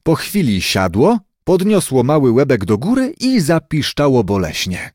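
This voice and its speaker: A man narrating a children's story chapter as an audiobook, in an expressive, lively way. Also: mid-range voice, normal speed, dry recording, clean studio sound.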